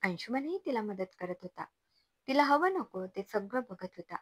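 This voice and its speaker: A woman narrating a romantic story in a gentle, even reading. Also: medium pitch, normal speed, breathy edge, no echo.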